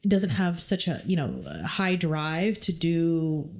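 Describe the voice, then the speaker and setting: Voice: medium pitch, sing-song, slow pace, darkish tone. A podcast co-host chatting casually about dog training, often chiming in with short agreements. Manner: agreeable, frequent short affirmations. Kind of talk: casual conversational chat.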